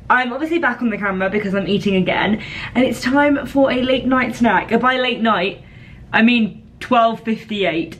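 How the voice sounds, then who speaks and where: A woman's voice: fairly high pitch, a little hiss or hum. Chatty woman vlogging. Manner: chatty, self-deprecating. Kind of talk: casual vlog chat. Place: small bathroom at night.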